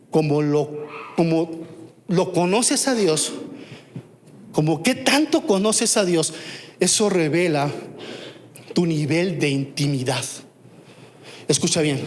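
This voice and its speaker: A man with a Mexican Spanish accent preaching a sermon as pastor, emphatic and full of rhetorical questions, swinging from soft and low to loud and high. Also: slight background noise. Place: church hall. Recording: long hall reverb.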